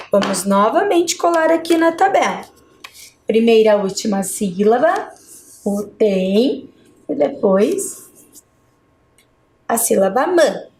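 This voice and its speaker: Patient woman teacher, lively slow speech. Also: fairly high pitch. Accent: Brazilian Portuguese. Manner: checks in with children often. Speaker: primary school teacher. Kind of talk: video lesson for children.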